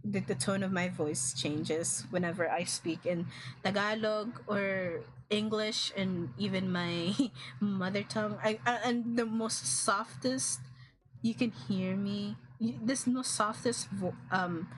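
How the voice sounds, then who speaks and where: On a drawing stream, a young Filipino-accented woman whose native tongue is a regional Philippine language makes casual conversation, often using fillers and starting over. Her mid-range voice stays steady and slow. The low-quality recording carries a slight hiss or hum.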